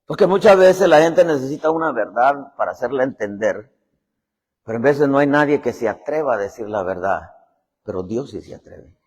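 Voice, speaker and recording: A man's voice: mid-range voice, lively intonation, normal speed, darkish tone, husky. A man preaching a sermon and telling a story, acting out the people in it as he goes. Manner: dramatic storytelling, voicing characters in quotes. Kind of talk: sermon with acted-out anecdote. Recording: long hall reverb.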